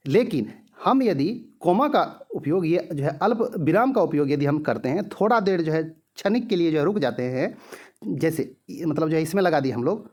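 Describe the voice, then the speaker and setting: A man teaching grammar for an exam-prep class, his voice sitting somewhat high. He peppers his talk with filler phrases, asks questions and answers them himself, and slows to repeat his examples. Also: a little mellow. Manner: heavy use of filler "jo hai", rhetorical questions answered himself; repeats example sentences slowly.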